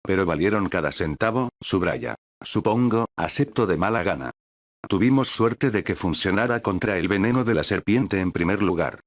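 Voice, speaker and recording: A man's voice: low-pitched, animated, moderate pace, no room sound. A man reading a light novel aloud as an audiobook narrator, voicing the dialogue with little change from his narrating voice.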